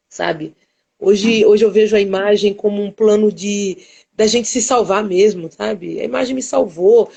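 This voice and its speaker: A woman photographer telling stories in a live interview, acting out the dialogue with expressive voices. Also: mid-range voice, slightly rough. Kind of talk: animated storytelling in a live interview. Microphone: live stream.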